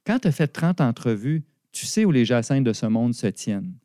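A middle-aged man with a Quebec French accent explains business ideas like a teacher, animated and laughing often in a conversational way. His mid-range voice is mellow and dark, recorded dry and close with no echo.

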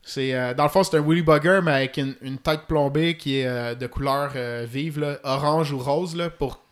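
A man's voice: on the high side, steady tone, moderate pace. A man with a Quebec French accent explaining fly-fishing gear in casual chat, in detail and with many fillers. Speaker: fly-fishing guest expert.

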